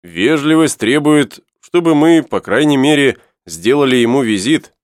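A man's voice: mid-range voice, lively intonation, measured pace, no echo, studio quality, voice pushed up, close to an everyday voice. A man reading the part of a stubborn sailor who insists on his plan, in a storybook reading. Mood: insistent.

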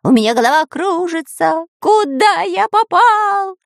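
A woman's voice: fairly high pitch, very animated, moderate pace, no room sound, studio quality, voice pushed up. A woman voicing a whiny, cowardly male spy in a children's audiobook, who grumbles and whines. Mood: panicked. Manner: whining and grumbling.

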